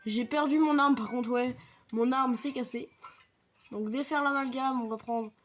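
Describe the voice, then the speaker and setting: A woman's voice: high voice, fairly even intonation, measured pace, a little hiss or hum. A young woman casually commenting on her gameplay, chatty and explaining each step to viewers with the odd light swear. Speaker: gaming video creator.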